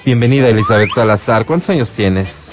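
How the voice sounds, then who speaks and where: A man hosts a radio contest with a chatty, teasing delivery. His intonation swings widely, and soft music plays under his voice. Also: on the low side, animated, fairly quick. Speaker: radio host. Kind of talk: lively radio contest hosting.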